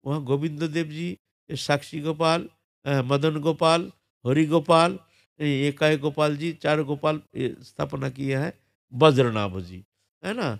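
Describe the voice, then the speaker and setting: A man tells a devotional story in an animated, conversational way and keeps checking in with his listeners. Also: on the high side, measured pace, gravelly, dry recording. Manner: animated, conversational, with frequent tag questions. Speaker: religious storyteller, monk.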